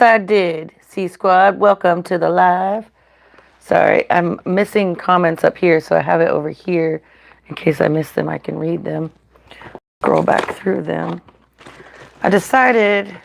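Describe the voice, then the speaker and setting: A woman's voice: lowish voice, gravelly. A woman hosting a casual live-stream at home, cooking and eating at a griddle, reading viewer comments aloud and often dropping to a whisper. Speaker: live-stream mukbang host. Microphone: computer mic.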